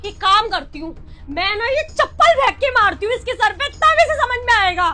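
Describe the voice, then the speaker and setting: A woman acting as a young wife in a family skit, accusing her husband loudly and emotionally. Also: extremely high pitch, fairly quick, faint music behind. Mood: furious.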